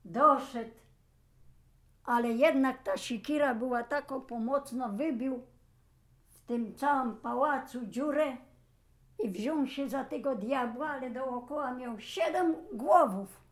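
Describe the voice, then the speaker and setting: An older woman recounts a folk tale in an unhurried, plain way. Her voice sits high, and she often repeats herself and restarts phrases as she searches her memory. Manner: halting, repetitive, plain village storytelling. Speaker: storyteller. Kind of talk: oral folk tale telling.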